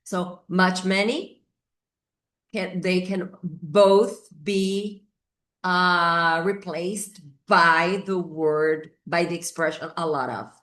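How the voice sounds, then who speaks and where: A middle-aged Brazilian woman, a native Portuguese speaker, gives an informal English grammar lesson at a whiteboard with a Brazilian accent. Her voice is fairly low and a bit bright. She thinks aloud haltingly and repeats key words.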